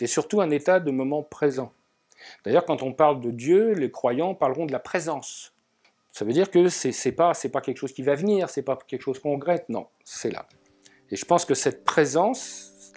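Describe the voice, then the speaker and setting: A man in the middle pitch range talks in a loose, reflective way, with pauses and filler words as he tells small everyday stories. Soft guitar music plays faintly behind him. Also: husky. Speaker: alchemy speaker. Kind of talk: spoken reflective talk.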